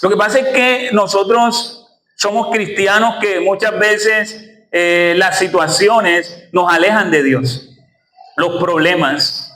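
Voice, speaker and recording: Pastor, man, high tenor register, fervent sermon delivery, echoey church recording. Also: takes it slowly, bright, forceful tone. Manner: preaching, calls congregation to repeat after him.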